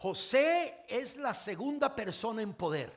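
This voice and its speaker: A man preaching a sermon in short phrases, waiting for an interpreter, drawing some words out slowly for emphasis and dropping to a hush at times. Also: extremely high pitch, sing-song. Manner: stretches words slowly for emphasis, swings from loud to hushed. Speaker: pastor.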